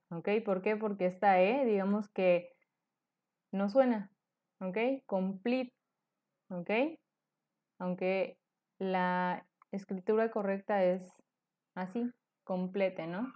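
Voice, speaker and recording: A woman takes her students through a lesson at an unhurried, deliberate pace. She explains each point patiently and keeps checking in with a quick "ok?". Her voice sits at an ordinary middle pitch. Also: muffled recording. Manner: slow, patient, asks "ok?" after nearly every phrase. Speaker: English teacher.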